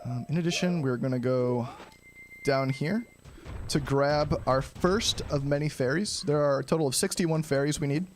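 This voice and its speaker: A man giving casual live speedrunner commentary, explaining each step of a game to viewers and often clearing his throat. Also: a little high, normal speed, slight background noise. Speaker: speedrunner streaming a game challenge.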